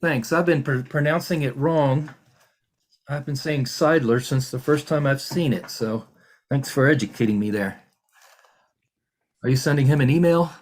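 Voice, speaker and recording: This is a man acting as a hearing examiner, speaking over a video call. He moves through the proceedings carefully and politely. He often pauses on fillers and restarts his sentences. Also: mid-range voice. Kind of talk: formal virtual hearing proceedings.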